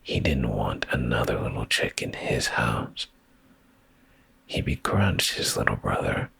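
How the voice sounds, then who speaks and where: Close to the microphone, a man softly delivers an ASMR bedtime story in a deep, gravelly, breathy voice that regularly slips into whispering. Drowsy and soothing, he reads a little slowly with big pitch swings, and there's no room sound.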